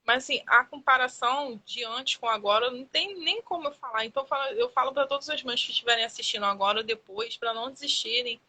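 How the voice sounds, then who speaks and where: A Brazilian woman speaks in a fairly high, vivid, ringing voice, a guest on a live-stream conversation. She tells stories with animation, often imitating her young son's words as she goes. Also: fast, hardly any pauses, poor audio. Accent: Brazilian Portuguese. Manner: animated storytelling, acting out her child's words. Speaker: guest mother.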